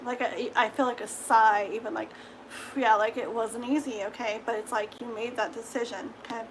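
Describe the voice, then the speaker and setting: A woman with a high, light voice gives a tarot reading on a live stream. She talks in a chatty, reassuring way, checking in with "okay?" after each point and laughing easily. A faint room hiss sits under her voice. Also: fairly even intonation, normal speed, poor audio. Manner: chatty, reassuring, full of "okay?" tags and giggles. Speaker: tarot reader.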